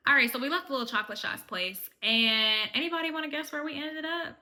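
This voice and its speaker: Chatty woman travel vlogger with a crisp, bright voice, casual recap. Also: high voice, fast, faint music behind. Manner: chatty, fills speech with "like".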